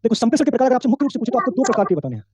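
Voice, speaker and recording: High, fast-talking male teacher with a mellow voice. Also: very animated, husky, no echo. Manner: explains step by step, repeats points, quizzes the class. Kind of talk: online exam-prep lecture. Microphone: microphone.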